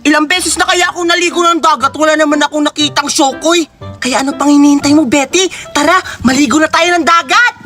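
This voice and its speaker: A woman voicing an eager, cheerful young boy in a cartoon, excitable and bossy. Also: high-pitched, brisk. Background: background music.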